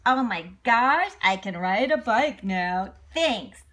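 A woman voicing an excitable, curious little boy monkey in a children's storybook, exclaiming with whoops and squeals. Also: medium pitch, slow pace, a little hiss or hum. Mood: thrilled, gleeful. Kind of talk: children's storybook read-along.

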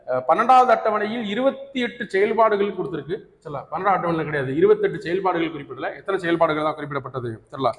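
A man with a Tamil accent, his voice somewhat high and a little bright, leads an exam coaching class. He keeps asking his students "right?" and slips English terms into his speech. The recording has the echo of a hall.

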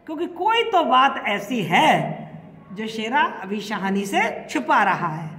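A woman's voice: high-pitched, fairly bright tone. A woman teacher explaining a literature text, who keeps paraphrasing and repeating each point. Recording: echoey room with long reverb, faint hiss.

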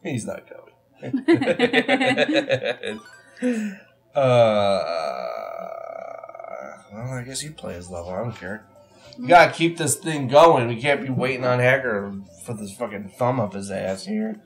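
A man's voice: medium pitch, moderate pace, soft background music. A man with a congested voice, hosting and rambling through casual gameplay commentary as he coaches a player. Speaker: host.

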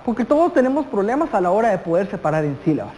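A teacher leads a televised lesson, turning to the students with questions and drawing out the words that matter. The voice sits at a mid pitch. It rings with a long reverb, as if recorded in a large hall. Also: sing-song, fast, mellow, a little hiss or hum. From Guatemala. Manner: addresses students directly, asks questions, stretches key words.

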